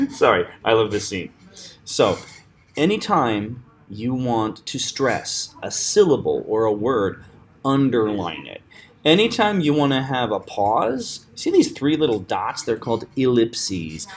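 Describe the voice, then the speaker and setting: A man with a lively, swinging voice walks viewers through a screen-recorded tutorial, chatty and quick to laugh. He teaches like an acting coach, pitch rising and falling as he points things out. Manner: animated, chatty, laughs often.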